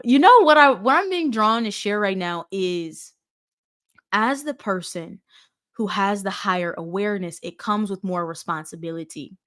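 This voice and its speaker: A woman hosting her own show, giving an earnest, rambling spiritual self-help talk that corrects itself as it goes, with sudden animated bursts. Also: medium pitch. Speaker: host.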